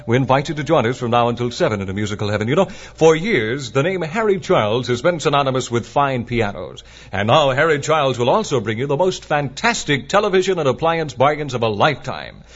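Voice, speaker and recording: A man's voice: medium pitch, lively intonation, a little fast. An American man working as a radio DJ in an upbeat, salesmanlike 1950s ad style, on a dull vintage AM broadcast. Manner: upbeat, salesmanlike announcer delivery. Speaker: radio DJ reading ads and announcements. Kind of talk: chipper 1950s radio ad and DJ patter.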